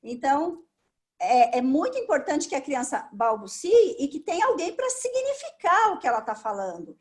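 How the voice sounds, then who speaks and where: High-voiced Brazilian woman explaining patiently. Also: big pitch swings, moderate pace. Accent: Brazilian Portuguese. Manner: patient, instructive, explains step by step. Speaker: speech therapist guest. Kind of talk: explanatory interview talk.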